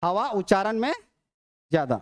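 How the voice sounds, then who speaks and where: Teacher, exam-prep lesson, slow drawn-out letters, asks then answers itself, middle pitch. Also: big pitch swings. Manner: repetitive, asks and answers its own questions, sounds out letters slowly.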